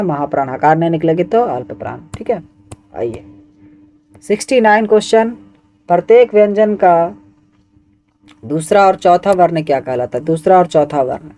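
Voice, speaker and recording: A man's voice: a little high, dark tone, dull audio. A man teaching Hindi grammar who reads each exam question and its options aloud, then asks for the answer and repeats it. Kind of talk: exam question walkthrough lesson.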